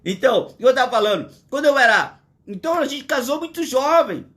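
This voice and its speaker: Brazilian pastor, man in his sixties, notably high voice, emphatic and repetitive live sermon from home. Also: sing-song, a little fast, a bit bright. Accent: Brazilian Portuguese. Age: 60s. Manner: earnest, repetitive, emphatic preaching. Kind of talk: livestreamed sermon.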